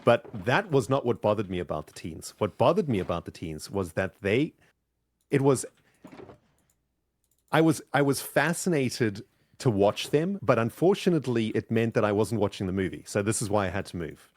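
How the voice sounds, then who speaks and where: A man chatting casually in a group voice call. He tells a story in an animated way and restarts often. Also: fairly low pitch, normal speed. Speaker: streamer in group voice chat. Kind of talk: casual chat.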